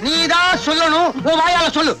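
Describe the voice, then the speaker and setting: An actor playing a gullible comic moneylender who scolds and then believes every story, in a film with music behind. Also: male voice, extremely high pitch, flat delivery, a little fast, pushed and bright.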